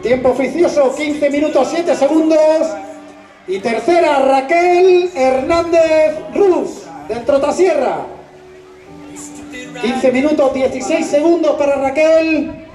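Over an echoing PA at a packed event with music in the background, a finish-line announcer calls a live race. The voice is high-pitched, slow and dark in tone, drawing names out with emphasis and whipping up applause.

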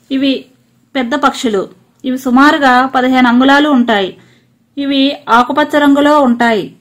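A woman narrating an informational voice-over in short, plain, list-like statements. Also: high voice.

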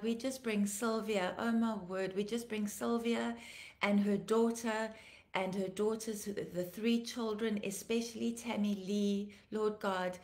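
A tired, slightly croaky pastor in her fifties warmly greets viewers by name on a home live stream, then prays fervently and repeats declarations. Her mid-range voice echoes in the living room, picked up by a laptop webcam in video-call framing.

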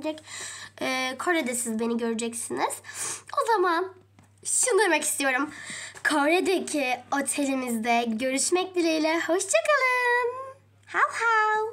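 A woman chattily narrating a pretend travel vlog in a game, talking often to her viewers. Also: high-pitched. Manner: chatty, addresses viewers often, mild swearing. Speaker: game role-play vlogger.

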